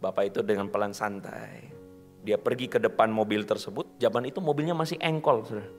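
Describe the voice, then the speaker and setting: A man's voice: lowish voice, brisk, faint music behind. A male pastor preaching a sermon, telling a story and often addressing the listeners directly. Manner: animated, addresses listeners as saudara.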